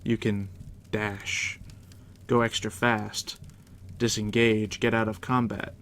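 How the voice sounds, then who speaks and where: Over the constant crackle of a fire, an ASMR host in the role of a game master leads a newcomer through the game. His deep voice stays at a soft near-whisper, relaxed and slow, with dry teasing.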